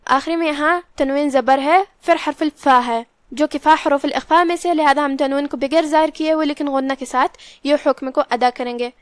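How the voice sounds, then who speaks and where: A woman with a high-pitched voice teaches recitation rules, going letter by letter in a slow and methodical way. Her sound is dry and close, with no room around it. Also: steady tone, dry recording. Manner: slow, methodical, careful articulation. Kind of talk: tajweed lesson, explaining then reciting.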